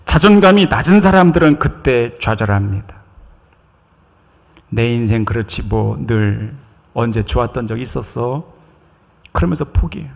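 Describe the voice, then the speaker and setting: Man preaching with animated swings in a reverberant church. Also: on the high side, creaky. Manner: dramatic, repetitive preaching with acted quotes and drawn-out emphasis. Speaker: pastor. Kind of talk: sermon. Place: church sanctuary.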